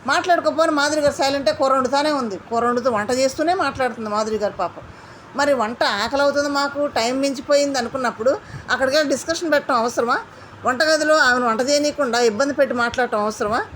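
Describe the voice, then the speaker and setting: A woman recapping a reality show in an indignant, animated commentary, mimicking the housemates she quotes. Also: high voice, quick pace, slight background noise.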